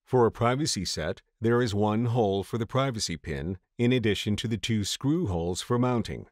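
Male narrator, lowish voice, dry booth sound, calm measured instructional read. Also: no echo. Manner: steady, measured reading of steps. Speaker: tutorial narrator. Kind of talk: scripted instructional voice-over.

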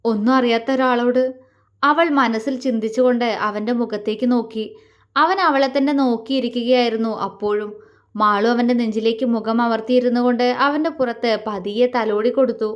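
A woman storyteller narrating a romantic audio story in a soft, emotive way. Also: on the high side, brisk, highs cut off. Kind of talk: reading an audio love story.

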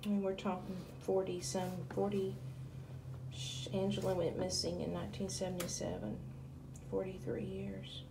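A middle-aged woman giving deliberate documentary commentary and casual questions in a measured way. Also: mid-range voice, flat delivery, gravelly, reverberant, recorded from a distance. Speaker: investigator and narrator. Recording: noticeable background room noise.

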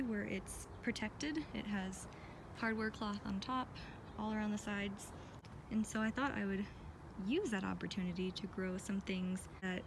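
Touring her backyard garden outdoors, an American vlogger narrates in a casual, chatty, enthusiastic manner, her medium-pitched voice captured by a handheld phone held behind the camera. The background is noisy.

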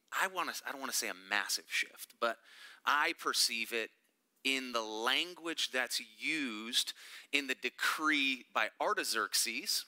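A man's voice: medium pitch, sharp tone. A man leading a church Bible study, teaching casually with chatty, joking asides to the group. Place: church meeting room.

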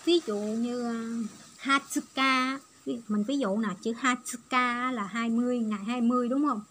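A woman's voice: a little high, steady tone, moderate pace, slight background noise. A woman giving a patient, step-by-step online language lesson. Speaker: Japanese language teacher.

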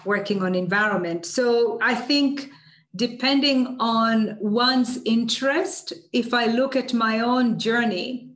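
A middle-aged woman from Tanzania answering seminar questions on a video call, measured and full of fillers. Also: on the high side, fairly bright tone. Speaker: guest speaker, UN official. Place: office with banners behind. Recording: roomy video call audio.

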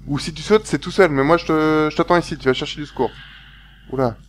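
A man with a slightly high voice talks over his game in a casual, excitable way, chattering and yelping as things happen. Clear game noise runs behind him. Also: fast talker. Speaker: gaming YouTuber.

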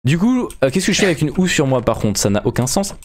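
A man hosting a casual gameplay chat, playful and joking, quick to get excited. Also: a little high. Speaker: gaming video host.

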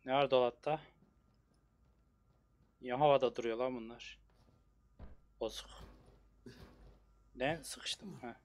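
Excitable swearing gamer man. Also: mid-range voice, slow, long pauses. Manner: excitable, swears often, talks to himself while playing. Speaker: gamer streamer. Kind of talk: casual let's-play commentary.

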